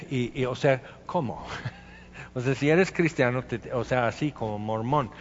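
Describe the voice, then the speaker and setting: A man's voice: mid-range voice, a little slow, slight background noise. A man preaching a sermon, conversational, acting out quoted voices with frequent restarts. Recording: dull echoey hall recording.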